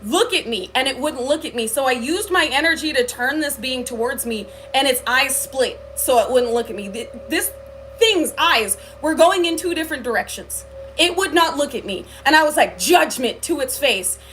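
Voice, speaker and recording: A woman's voice: sits high, lively intonation, normal speed, a bit bright, soft background music. A woman talking to her viewers on a livestream, telling a spiritual story in an earnest way with many filler likes and ums. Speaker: spiritual reader. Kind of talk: livestream talk.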